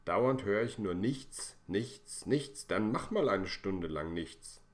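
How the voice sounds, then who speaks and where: A man's voice: medium pitch, sing-song, normal speed, voice pushed up. A man voicing an irritated, scolding father in a read-aloud children's story. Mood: exasperated. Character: exasperated father, middle-aged.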